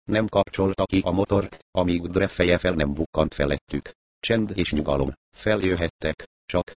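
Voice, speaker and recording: A man reading a story aloud as an audiobook narrator, in a steady, even storytelling delivery. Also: low voice, no echo. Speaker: audiobook reader. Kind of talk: scripted narration.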